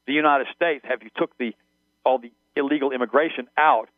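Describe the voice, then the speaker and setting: A man whose first language is German is a guest on a radio call-in interview, rambling and often repeating words and restarting. His mid-range voice is steady and a little fast, heard over a tinny, dry phone line with no echo.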